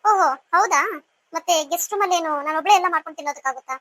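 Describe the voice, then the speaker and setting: A woman's voice: very high voice, very fast, dry recording. A woman voicing a rude, scheming young woman in a cartoon serial, speaking in a haughty, mocking way.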